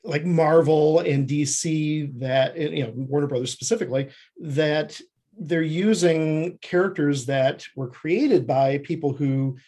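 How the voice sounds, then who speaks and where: A mellow, higher-pitched man, a screenwriter guesting on a podcast, shares stories in an unhurried, conversational way, voicing pieces of dialogue himself.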